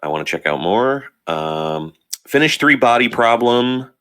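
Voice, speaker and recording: A man's voice: medium pitch, lively intonation, unhurried, bright, forceful tone. A man co-hosting a casual podcast, rambling through his updates with fillers and casual swearing. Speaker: podcast co-host. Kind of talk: casual chat.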